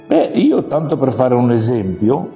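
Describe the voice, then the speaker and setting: A man's voice: medium pitch, big pitch swings, unhurried. A man voicing a tiny, bold male gnat who talks back indignantly in a storybook tale. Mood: cocky. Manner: indignant, cocky. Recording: long reverb, muffled, faint music.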